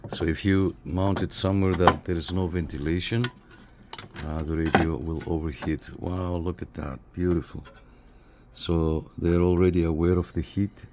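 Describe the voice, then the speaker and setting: A man from Canada, whose low voice barely moves in pitch, speaks unhurriedly as he casually tries out and reviews radio gear. He tends to repeat short phrases, and background noise is clearly present.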